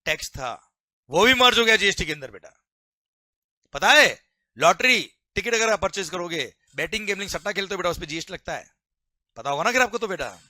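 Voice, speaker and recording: A man with an Indian accent teaching a tax lecture to students, animated and jokey, mixing English terms into his talk and keeping check that they follow. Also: high-pitched, fairly quick, no room sound. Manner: keeps asking "is it clear?". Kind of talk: classroom lecture.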